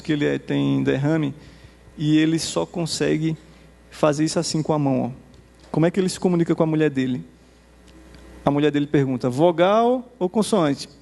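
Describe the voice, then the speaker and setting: In a reverberant conference hall, a man with a Brazilian Portuguese accent presents conversationally to teachers while demoing software. His voice is a little high with vocal fry, and he caps almost every phrase with a quick "né?".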